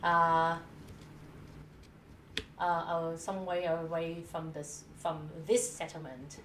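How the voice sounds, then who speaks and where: A woman's voice: low-pitched, flat delivery, takes it slowly, a bit bright, slight background noise. A woman narrating as game master of a tabletop game, hesitant with many fillers. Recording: roomy group recording from far off, chatter.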